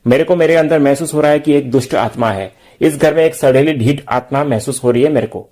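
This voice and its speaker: A man's voice: mid-range voice, fairly quick, dark tone, lightly acted. A man reading a young trickster feigning a trance. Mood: scheming.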